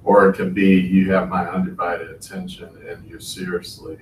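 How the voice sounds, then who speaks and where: Low flat-voiced man answering in class. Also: moderate pace. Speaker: student. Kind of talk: classroom discussion. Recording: roomy, distant, faint noise.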